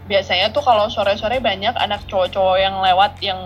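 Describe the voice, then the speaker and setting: A woman in her thirties telling a childhood story as a podcast co-host, animated and laughing often. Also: medium pitch, brisk, faint music behind. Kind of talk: casual storytelling chat.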